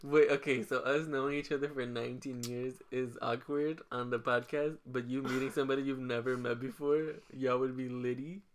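A man's voice: medium pitch, fairly even intonation, normal speed, hardly any pauses. A man hosting a casual podcast chat, teasing his guest and laughing often. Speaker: podcast host and producer.

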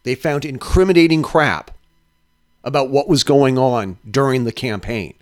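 A man's voice: mid-range voice, normal speed, faint music behind. A male podcast host giving casual news commentary in a profane, sarcastic rant.

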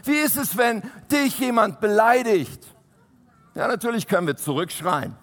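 High-voiced preacher in a reverberant hall. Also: male voice, normal speed. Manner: animated, shifts between loud emphasis and soft quiet asides. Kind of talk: sermon. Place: church hall.

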